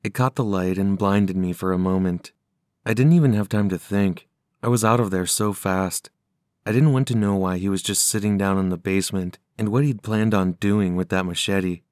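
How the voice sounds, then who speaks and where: Deep, smooth male horror narrator. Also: fairly even intonation, moderate pace, a little mellow, no room sound, studio quality. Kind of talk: scripted horror story narration.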